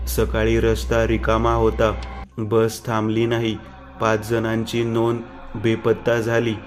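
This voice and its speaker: A man narrating a scripted horror story in a slow, flat and ominous way. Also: lowish voice, slight background noise.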